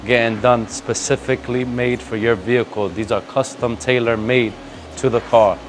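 On a big indoor factory floor with music in the background, a vlog host in his thirties gives a relaxed, excited walkthrough of a wheel factory using street slang. He speaks at medium pitch with fairly even intonation and moderate speed, with slight hiss or hum in the recording.

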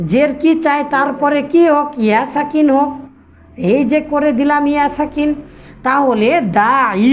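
High-voiced woman teaching Arabic grammar. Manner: asks questions and answers them herself, affectionate; chants rules in rhythmic recitation. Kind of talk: classroom-style lesson.

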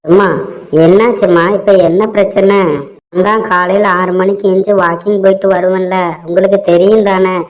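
A man's voice: high-pitched, little pitch movement, brisk, close to an everyday voice, low-quality recording. Cartoon comedy: a man playing a young newlywed son with a Tamil accent, patient and pleading. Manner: pleading, reasoning.

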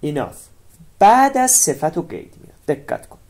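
Animated Persian-accented male teacher. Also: high-pitched. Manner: animated, stresses and repeats English words for pronunciation. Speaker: English teacher. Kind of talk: online grammar lesson.

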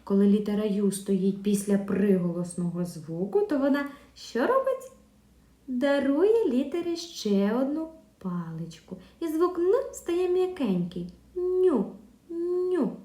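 Woman teacher, slow sing-song delivery, mellow voice, echoey room. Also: mid-range voice, animated. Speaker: primary school teacher. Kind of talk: video lesson for young pupils.

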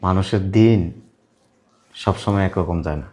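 A man plays a calm, dignified company boss from a web drama. His voice is very low, and he speaks curtly and with composure. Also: normal speed, lightly acted. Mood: composed. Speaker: actor.

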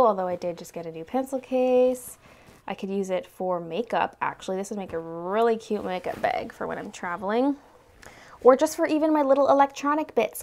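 Her voice sits a little high with a slightly mellow quality. This young adult woman hosts an unboxing from off camera at an indoor tabletop shoot, chatting casually and gushing about cute items.

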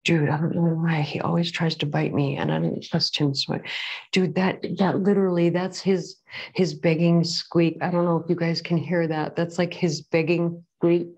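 A woman's voice: on the low side, level tone, moderate pace, darkish tone, slightly rough, dull audio. A woman giving a casual pick-a-card tarot reading at home, chatty and rambling, with frequent apologetic asides. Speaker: tarot reader. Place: at home with a pet bird.

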